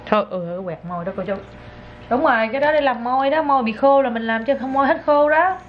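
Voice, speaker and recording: A young mother chats casually to her viewers while coaxing her toddler at home, her voice pitched fairly high and sing-song. A faint hiss sits under the camera-mic sound. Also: fast talker, highs cut off. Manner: chatty, coaxing, sing-song talk to a child. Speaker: vlogger, mother.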